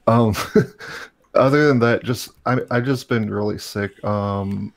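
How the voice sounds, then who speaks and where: A man's voice: lowish voice, takes it slowly, gravelly. A man with the flu, co-hosting a casual gaming podcast and cracking crude jokes. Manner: joking, crude humor. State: has the flu. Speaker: podcast co-host.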